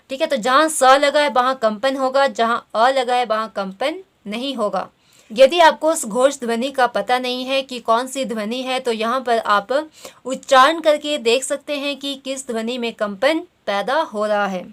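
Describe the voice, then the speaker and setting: Her voice is high with a fairly bright tone as she works through grammar quiz questions. Reading each option slowly, she keeps repeating "theek hai" throughout her explanations.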